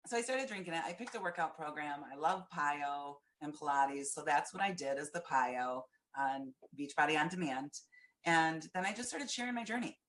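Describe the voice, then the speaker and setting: A woman fitness coach giving an earnest, personal webinar testimonial from home over a webcam, with frequent fillers. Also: low voice. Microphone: webcam on a video call.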